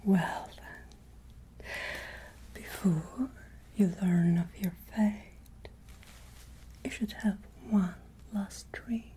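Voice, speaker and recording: A woman playing a haughty, menacing, ageless vampire lady of a castle in a whispered ASMR roleplay, with deliberate, imperious delivery. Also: medium pitch, steady tone, dark tone, rough recording. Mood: menacing, condescending.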